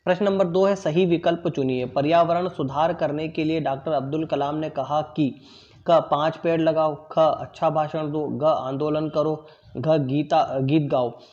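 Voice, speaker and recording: A man teaching an online class, explaining answers slowly and repeating them, often checking in with his pupils. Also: a little high, fairly even intonation, a little mellow, muffled recording. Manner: drills pronunciation, word then pause for pupils.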